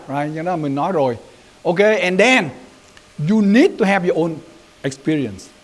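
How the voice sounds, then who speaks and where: A man with a Vietnamese accent giving an informal training lecture as a Buddhist youth leader, talking loosely and often checking in with "right?". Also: on the high side. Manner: loose and conversational, mixing in Vietnamese phrases, frequent "right?" check-ins.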